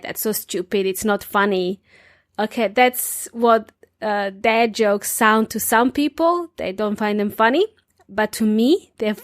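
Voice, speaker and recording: A woman's voice: mid-range voice, dry recording, studio quality. A woman hosting an informal podcast for English learners, chatting directly to listeners and explaining things simply. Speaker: podcast host and English teacher.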